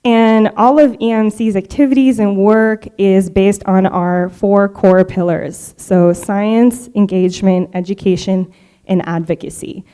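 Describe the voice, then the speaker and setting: A woman's voice: mid-range voice, fairly even intonation, a little slow, warm tone, clean tone. A woman marine scientist giving a conference presentation, chatting with the audience in a friendly way. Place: conference hall.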